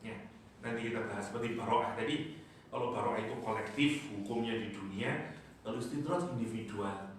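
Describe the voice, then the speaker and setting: A man's voice: on the low side, moderate pace, a little hiss or hum. A man giving a conversational religious lecture on the Quran, often asking his audience questions. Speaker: Islamic teacher giving Quran commentary. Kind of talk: sermon-style lecture. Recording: echoey hall from far off.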